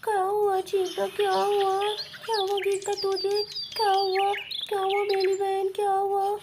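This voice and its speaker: A woman plays a caring little doll sister in a homemade doll story. The voice is very high and soft, quietly worried for her sibling. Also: completely flat delivery, measured pace, noisy background.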